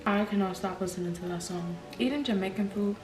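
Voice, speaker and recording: A woman's voice: mid-range voice, fairly quick. A woman in her twenties doing a casual, slangy, sweary question-and-answer chat over a meal. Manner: informal, slangy, frequent swearing. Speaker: YouTuber answering viewer questions. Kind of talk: casual mukbang Q&A chat while eating. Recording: roomy echo with background music.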